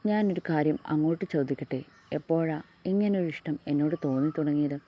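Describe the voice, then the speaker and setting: A woman voicing a shy, emotional young wife in an audio love story, speaking gently. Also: sits low, a little fast, natural voice. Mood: wistful.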